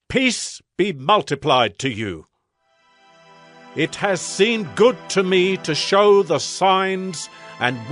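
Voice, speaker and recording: Grandiose King Nebuchadnezzar, swooping slow delivery. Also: high voice, fairly bright tone, heavily acted. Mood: grand, exultant. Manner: declamatory, solemn, measured royal delivery. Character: proud, grandiose ancient Babylonian king, awed by wonders. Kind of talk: dramatized audio scripture acting.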